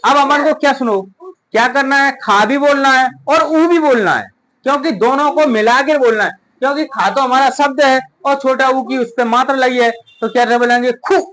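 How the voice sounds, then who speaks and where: Here a woman teacher leads children through a Hindi phonics drill on vowel signs at a coaching classroom, asking questions and answering them on her own. Her high-pitched voice moves at normal speed with a fairly bright tone, and the recording is rough.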